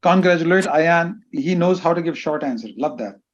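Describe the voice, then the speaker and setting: A man moderating a pitch event, brisk and blunt in his questions. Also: lively intonation. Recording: dull lo-fi audio.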